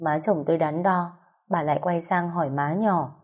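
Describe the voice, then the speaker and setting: Low, mellow Southern Vietnamese woman narrator. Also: moderate pace, husky. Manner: lively, dramatic storytelling. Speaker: story narrator. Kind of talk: first-person audio story narration.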